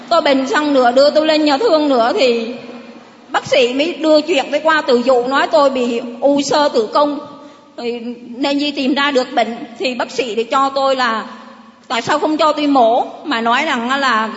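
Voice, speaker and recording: A middle-aged woman with a Southern Vietnamese accent tells her faith story to a congregation in a high voice, circling back and restarting her sentences. The sound is dull and muffled, and her words ring out with the long reverb of a church hall. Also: moderate pace. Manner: rambling, repetitive storytelling with many restarts. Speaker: churchgoer giving testimony. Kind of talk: personal faith testimony to a congregation.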